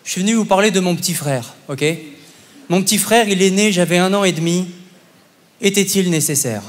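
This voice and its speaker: Young male stand-up, high voice, big hall. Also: brisk, slight background noise. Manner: punchy, conversational, often checks in with "ok?". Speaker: stand-up comedian. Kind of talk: stand-up comedy. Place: theatre stage at a comedy festival. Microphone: stage microphone. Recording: long hall reverb, live audience. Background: audience laughter and applause.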